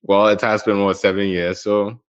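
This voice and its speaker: A man's voice: fairly low pitch, little pitch movement, normal speed, smooth, dull audio. A man talking football casually as a panelist, hesitant and repeating his phrases. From Ghana.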